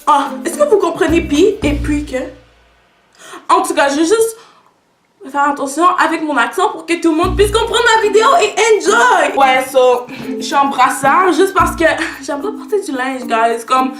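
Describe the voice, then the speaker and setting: A young woman of nineteen speaks with a Québécois French accent. She chats casually to camera and drifts between French and English. Her voice sits high, and it echoes in the room over steady background music. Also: normal speed. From Canada. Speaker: YouTuber.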